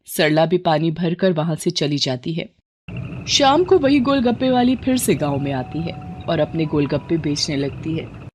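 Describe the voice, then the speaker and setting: A woman narrating a cartoon horror story in steady storybook style. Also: low voice, normal speed, a little hiss or hum. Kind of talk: scripted narration.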